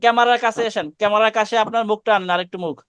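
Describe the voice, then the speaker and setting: Quran tutor on a video call: man, high voice, quick and crisp, keeps correcting and repeating short commands. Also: steady tone, a bit bright, no room sound. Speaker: Quran recitation teacher. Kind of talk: online class instruction.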